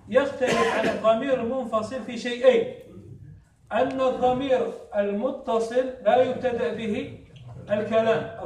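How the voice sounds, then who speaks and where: A man's voice: very high-pitched, a little hiss or hum. A man teaching a classroom lesson on Arabic grammar, often asking a question and answering it himself. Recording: echoey room, mic far off.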